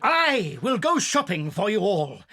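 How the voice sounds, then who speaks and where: A man's voice: high-pitched, huge pitch swings, measured pace, pushed and bright, full character voice. A man playing a clever, triumphant fox who makes grand, persuasive speeches in a dramatized children's audiobook. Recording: crowd reacting behind the voice.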